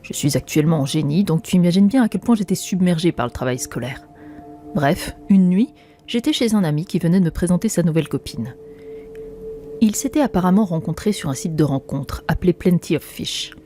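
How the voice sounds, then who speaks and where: A woman's voice: on the low side, expressive, fairly quick, dark tone, faint music behind. A woman narrating a first-person story in a plain, conversational way.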